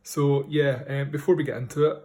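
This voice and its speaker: A man vlogger speaks in a broad Scottish accent with a medium-pitched voice. He talks casually, as in a personal video diary, while trying to keep his words clear for listeners. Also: steady tone, a little fast, warm tone. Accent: strong Scottish. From Scotland. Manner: speaking carefully to be understood.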